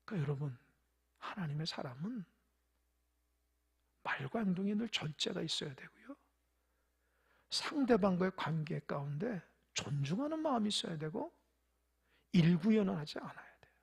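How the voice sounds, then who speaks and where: A pastor preaching a sermon in church, shifting between loud, emphatic stresses and soft near-whispers, and asking the congregation questions. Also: medium pitch, very animated, moderate pace, gravelly, pauses often, breathy edge. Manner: tells parables, asks the congregation questions.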